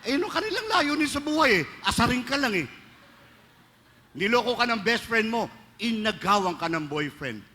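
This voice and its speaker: A man's voice: very high voice, big pitch swings, moderate pace, bright, forceful tone, husky. A man with a Filipino accent, a priest giving a joking, storytelling homily that mixes Filipino and English. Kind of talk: sermon. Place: large church. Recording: reverberant church hall, faint ambience.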